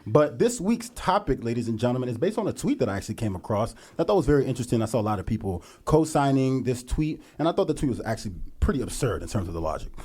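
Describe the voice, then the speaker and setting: Young male podcast host, hype and slangy, fast and animated delivery. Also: medium pitch, breathy edge. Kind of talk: casual podcast chat.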